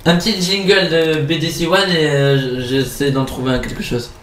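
A man's voice: a little high, level tone, moderate pace, a bit bright, roomy sound, a little hiss or hum. A man co-hosting a local radio show, hesitant and searching for words in casual banter. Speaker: radio co-host. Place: local web radio studio.

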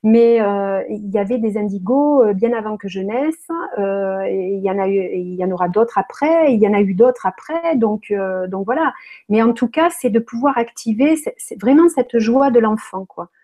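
A woman's voice: mid-range voice, normal speed, mellow. A woman with a strong southern French accent, a guest author chatting easily with many fillers. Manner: easygoing, filler-heavy. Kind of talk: casual conversation.

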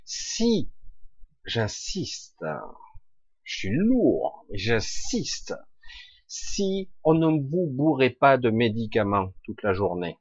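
Dull dry recording, man, raspy husky voice, scratchy throat, informal opinionated monologue, emphatic, blunt slang, rhetorical questions. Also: medium pitch, very animated, drawn-out words, no echo. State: throat scratchy with occasional coughing.

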